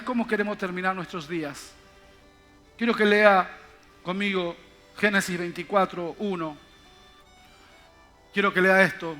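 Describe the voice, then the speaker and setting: A man's voice: high-pitched, sharp tone. An older man, a pastor, preaching a sermon to his congregation in an emphatic, repetitive way. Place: church service.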